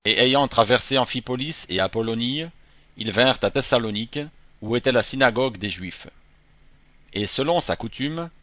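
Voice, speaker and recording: A man giving a scripted Bible reading in a measured, even delivery, phrase by phrase. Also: mid-range voice, no room sound. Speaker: scripture reader. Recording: dull, dry close recording.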